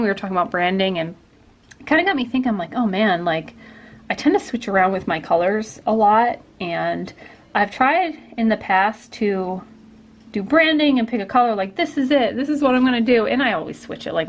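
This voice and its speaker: A woman artist hosting a casual studio vlog, talking while she paints, rambling with lots of fillers and restarts. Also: mid-range voice. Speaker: artist and vlogger. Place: home art studio.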